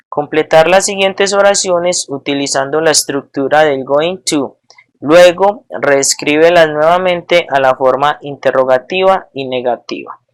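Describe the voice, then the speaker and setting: Slow, patient teacher explaining step by step. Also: mid-range voice, clear, resonant tone. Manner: patient, checks understanding with frequent tag questions; spells out each form slowly and repeats it. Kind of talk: recorded classroom lesson.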